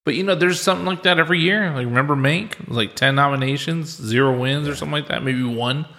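A man's voice: fairly high pitch, fast, bright, forceful tone. A man hosting a casual film podcast chat, sounding like he is recording in an empty room. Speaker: podcast host.

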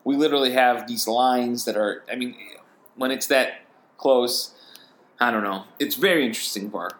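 A man hosting a laid-back football podcast, talking in a loose, rambling way. He stops often to say um and start his sentences over. His voice sits at an ordinary middle pitch. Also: normal speed, fairly bright tone. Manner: rambling, frequent ums and restarts. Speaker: podcast host. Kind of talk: casual chat.

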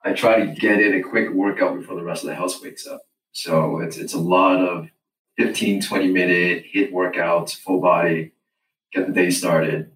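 A middle-aged man from Hong Kong, a finance executive chatting casually as an interview guest, relaxed and self-deprecating, often repeating words as he starts a thought. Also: low-pitched, normal speed. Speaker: guest, chief financial officer. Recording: distant echoey remote audio with faint noise.

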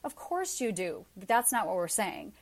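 A woman's voice: medium pitch, very animated, normal speed. A woman in her forties talking candidly and wryly as an interview guest. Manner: candid, chatty, wry. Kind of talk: casual interview chat.

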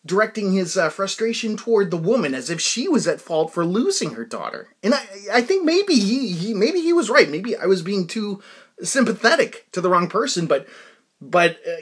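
A man telling a personal anecdote in a casual, rambling way, full of restarts and asides to his listeners. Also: fairly high pitch. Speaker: storyteller.

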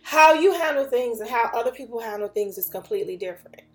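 A woman's voice: fairly high pitch, animated, quick pace. Woman, podcast host, earnest, emphatic, repetitive, echoey room. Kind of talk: motivational podcast talk. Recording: echoey room with faint music.

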